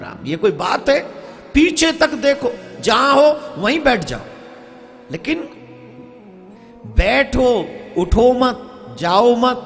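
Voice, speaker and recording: A man's voice: high voice, vocal fry, a bit bright. A man giving a devotional sermon to a live crowd, telling a story, acting out its characters and scolding the listeners. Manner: scolds and exhorts the audience. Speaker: religious storyteller. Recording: echoey hall with music.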